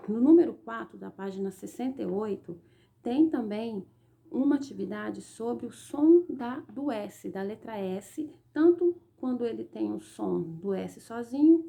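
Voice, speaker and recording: A woman's voice: a little high, creaky, warm tone. A Brazilian woman teacher explaining a lesson to young pupils step by step, often checking in with short questions. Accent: Brazilian Portuguese. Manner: patient, explaining step by step, frequent "tá?" check-ins. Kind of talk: recorded remote class lesson.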